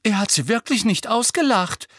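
A man doing a clever teenage schoolgirl in an audiobook, pitched well above his own voice. Scolding and exasperated in tone, recorded dry and close. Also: animated, moderate pace, a bit bright, dry recording.

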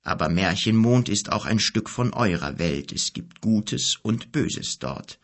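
A man reading an audiobook, voicing a grave, gentle bearded wizard in a solemn, hushed, unhurried way. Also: low-pitched, creaky, voice pushed down, full character voice. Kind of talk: audiobook character voice.

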